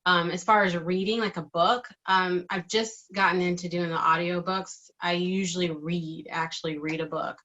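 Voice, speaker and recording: A middle-aged woman speaks in a bright, clear-edged voice that sits a little low. She answers interview questions casually, feeling her way through phrases and letting some trail away. The recording is somewhat dull and lo-fi. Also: fairly even intonation, moderate pace, hardly any pauses. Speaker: interviewee, digital marketing team member.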